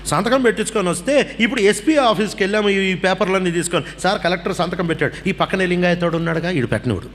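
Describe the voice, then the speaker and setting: A man preaching a testimony, telling the story in an animated way and acting out the voices of the people in it. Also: quick pace, hardly any pauses. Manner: animated storyteller, acts out dialogue, pitch swings widely. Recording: long hall reverb with faint background hum.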